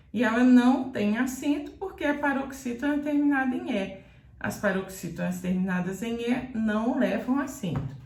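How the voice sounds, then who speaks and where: A Brazilian woman teaching pronunciation in a video lesson, speaking in a didactic, deliberate way and repeating words for emphasis. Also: fairly high pitch, echoey room. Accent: Brazilian Portuguese. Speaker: Portuguese teacher.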